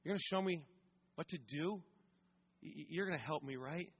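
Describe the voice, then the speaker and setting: Soft-spoken weary older homeless man, lonely and quiet, as a preacher quotes him; fairly high male voice. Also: animated, fairly quick, slightly rough. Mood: pleading. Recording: dull recording with long hall reverb.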